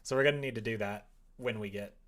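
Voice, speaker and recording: A streamer working on a visual novel talks fast, in a medium pitch, thinking aloud casually, muttering and drifting off before finishing thoughts. The keyboard clatters and the mouse clicks in the noisy room.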